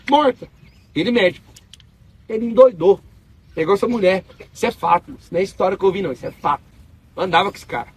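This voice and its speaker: A man with a Brazilian Portuguese accent giving a casual spiritual talk to an audience, telling stories in animated, slangy speech. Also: high-pitched, breathy edge. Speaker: spiritual speaker.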